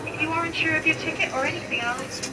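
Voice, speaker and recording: A woman train staff member making polite, brisk onboard announcements over the train's loudspeaker. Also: high voice. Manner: polite, brisk, scripted customer-service phrasing. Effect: train public address loudspeaker. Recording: distant loudspeaker in a noisy train carriage.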